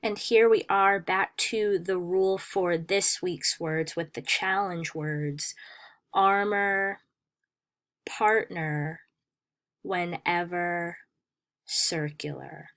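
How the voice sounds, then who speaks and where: A woman's voice: lowish voice, fairly even intonation, slow, few pauses. A woman teacher reading a spelling lesson for children, carefully enunciating each word.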